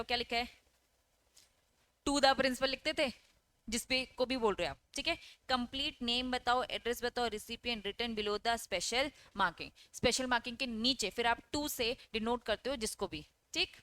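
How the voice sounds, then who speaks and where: Her voice is on the high side, bright and forceful, as she teaches an online lecture for exam prep. She reads English sentences from the text, explains them, asks students questions she then answers, and keeps saying "okay?" to check in.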